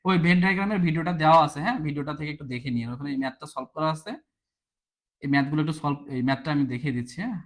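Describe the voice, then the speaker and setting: Fast-talking teacher man. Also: a little high. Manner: explanatory, checks in with "ঠিক আছে?" often. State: tired, low on energy. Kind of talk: recorded online exam-prep class.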